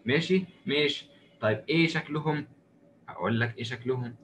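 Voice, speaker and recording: A man with an Egyptian accent giving a recorded lecture, drawing as he goes and asking and answering his own questions in a lively, joking way. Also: medium pitch, a little fast, slight background noise. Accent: Egyptian Arabic. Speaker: medicine lecturer.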